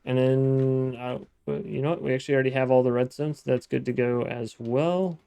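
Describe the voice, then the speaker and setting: This let's-play host is a man with a mellow, gravelly, medium-pitched voice who talks through a modded building game in casual commentary. He thinks aloud, chats to himself, and often restarts or corrects himself, keeping a steady tone at a slightly quick pace. The audio is dry, echo-free, and close-miked.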